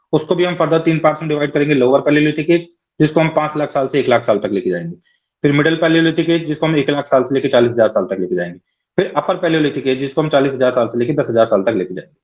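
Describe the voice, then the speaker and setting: A man's voice: on the high side, racing, a little mellow, highs cut off. A man teaching a class lecture, explaining step by step and often checking in with his listeners.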